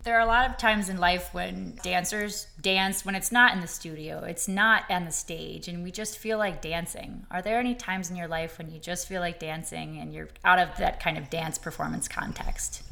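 Low, creaky-voiced woman podcast host. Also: fairly even intonation, moderate pace, few pauses, pushed and bright. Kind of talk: podcast hosting, part scripted introduction, part interview.

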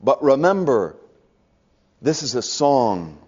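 Earnest preacher in a dull lo-fi recording. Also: male voice, mid-range voice, big pitch swings, takes it slowly. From American South. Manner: earnest preaching, drops to a hush for emphasis. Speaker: pastor. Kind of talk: sermon.

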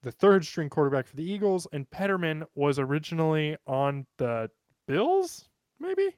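This American podcast co-host has a slightly high, sing-song voice at a moderate pace, with noise in the background. He keeps the chat casual and jokey, reeling off sports names one after another.

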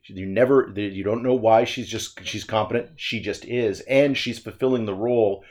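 Low-voiced man chatting casually. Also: fairly even intonation, normal speed, darkish tone. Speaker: movie podcast panelist. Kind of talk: casual discussion.

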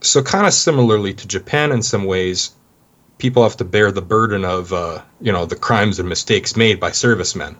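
A Canadian man, appearing as a guest, chats casually about living abroad, rambling and restarting often. His voice is on the low side, fairly quick and fairly bright. The recording sounds dull and lo-fi.

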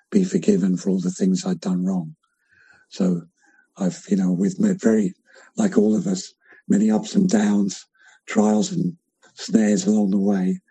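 A middle-aged man with a hoarse, croaky voice and creaky vocal fry, giving reflective testimony as a podcast guest. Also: low-pitched, dark tone, rough recording. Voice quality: croaky, gravelly, husky voice.

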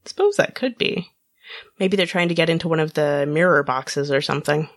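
Very low-pitched woman, dry sound. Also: fairly quick, no room sound. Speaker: podcast co-host. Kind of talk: casual discussion.

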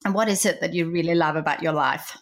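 Enthusiastic woman podcast host, lower voice. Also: quick pace. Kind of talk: podcast interview.

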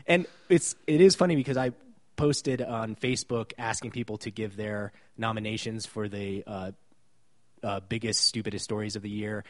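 A man's voice: lowish voice, normal speed. A man hosting a casual local news podcast, wry and joking as he recaps the year's stories. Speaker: podcast host.

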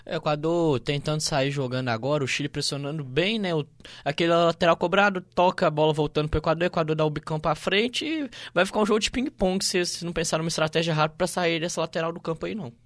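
A man's voice: fairly high pitch, fast, fairly bright tone, no room sound. A man with a Brazilian accent giving conversational analysis as a football co-commentator.

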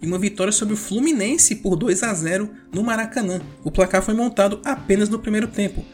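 A woman's voice: mid-range voice, a little fast, a little mellow. A Brazilian woman hosting a football show, narrating a scripted round-up of results. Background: music bed.

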